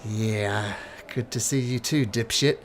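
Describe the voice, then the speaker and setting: A man voicing a mocking, dangerous female rogue in a tabletop game, with slow, drawn-out, sneering delivery. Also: on the low side, steady tone, a little hiss or hum. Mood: sardonic. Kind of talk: in-character tabletop role-play.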